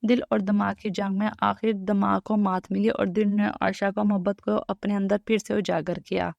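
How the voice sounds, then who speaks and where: Woman storyteller, steady scripted narration; monotone with a gravelly, dry close sound. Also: mid-range voice, no echo, muffled recording.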